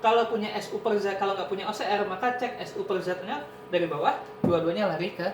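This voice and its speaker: Speaking in a steady tone and at a slightly quick pace, a man gives an online university lecture with an Indonesian accent. He breaks things down step by step and says "nah" and "ini" a lot, and the recording carries echo, noise, and rumble.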